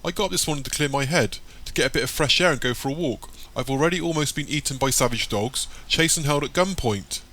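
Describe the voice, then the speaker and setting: A man's voice: mid-range voice, brisk, hardly any pauses, fairly bright tone, close to an everyday voice. A man voicing an anxious, hot-tempered young man in an audiobook, firing off urgent, demanding questions. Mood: shouting.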